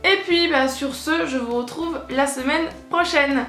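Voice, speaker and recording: A woman's voice: high-pitched, measured pace, over music. A young woman chatting casually through a clothing haul vlog, with lots of filler words and little giggles. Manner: chatty, many "euh" fillers, giggly asides. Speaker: YouTuber showing a haul. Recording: echoey room.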